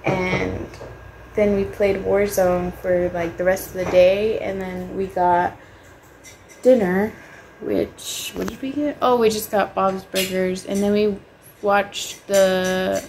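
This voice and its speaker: A woman's voice: medium pitch, level tone, slow, noisy background. A young woman vlogging casually from her home kitchen into a handheld phone, giggling often between phrases. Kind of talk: casual vlog chat.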